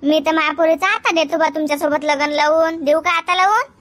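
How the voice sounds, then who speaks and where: A woman's voice: high voice, brisk, a bit bright. A woman playing an anxious, pleading village woman. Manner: pleading, coaxing.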